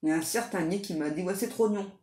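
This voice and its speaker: A woman's voice: lowish voice, racing, warm tone, roomy sound. A woman doing a casual tarot card reading, talking in a chatty way full of fillers and restarts.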